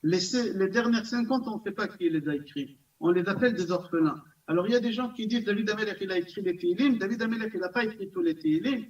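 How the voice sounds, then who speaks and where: A man, a rabbi, teaching a class in an animated way, repeating himself and asking his listeners questions. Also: high-pitched, quick pace. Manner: animated, repetitive, asks the audience questions. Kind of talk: recorded Torah class lecture. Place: community center classroom. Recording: distant, dull lo-fi room recording.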